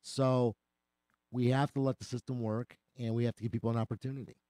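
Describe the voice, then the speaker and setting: Brief: man, lawyer guest on talk radio, earnest and explanatory, slight cold in the voice, warm tone, dry studio sound. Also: mid-range voice, flat delivery, fairly quick, dry recording. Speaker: attorney guest.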